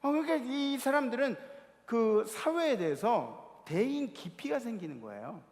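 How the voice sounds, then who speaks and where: A man preaching a sermon to a youth congregation, telling stories with lively energy and acting out the shouted lines of the people in them. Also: extremely high pitch, moderate pace. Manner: animated storytelling, acting out shouted quotes. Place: church sanctuary. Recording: long hall reverb of a church.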